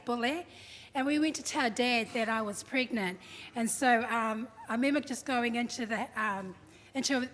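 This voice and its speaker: A woman's voice: a little high, fairly bright tone. A woman, giving a chatty, humorous eulogy for her father and acting out what he said. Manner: chatty, humorous storytelling, acts out quotes. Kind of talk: eulogy at a family service. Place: large hall at a memorial service. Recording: echoey hall, faint background noise.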